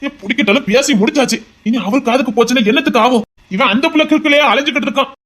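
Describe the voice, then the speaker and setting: An actor playing a stern middle-aged father who scolds his son about marriage in a fast, insistent voice. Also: extremely high pitch, a bit bright. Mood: scolding. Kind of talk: amateur audio drama.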